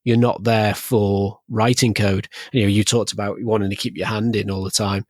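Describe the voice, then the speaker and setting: A man's voice: fairly low pitch, level tone, moderate pace, darkish tone, no echo, studio quality. Joking man hosting a podcast. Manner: joking, chatty storytelling with anecdotes. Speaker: podcast host. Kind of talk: casual interview chat.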